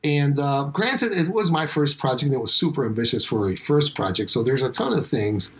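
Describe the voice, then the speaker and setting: A man's voice: medium pitch, a little fast. A man in casual conversation, talking about making a music video, acting out quotes as he tells stories. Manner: animated storyteller, acts out quotes. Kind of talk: casual chat.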